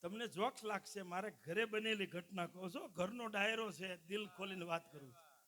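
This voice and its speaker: A man's voice: sits high, moderate pace, sharp tone. A man, telling jokes and folk stories live to an audience and addressing the crowd as "saheb". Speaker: stand-up folk comedian at a dayro. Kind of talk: live comic storytelling to an audience.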